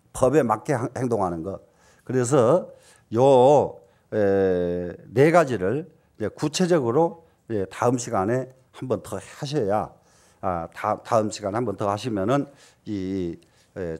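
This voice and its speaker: A man giving a Buddhist dharma talk, often posing questions to the audience and answering them himself, with emphatic rises and soft dropped asides. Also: mid-range voice. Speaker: Buddhist teacher.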